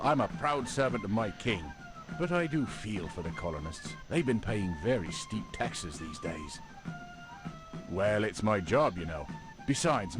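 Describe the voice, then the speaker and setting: An actor playing a proud, tea-starved British redcoat officer with a British accent, in a theatrical, blustery manner. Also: male voice, fairly low pitch. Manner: theatrical, blustery, full of period exclamations. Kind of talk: 1990s educational game voice acting. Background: game music.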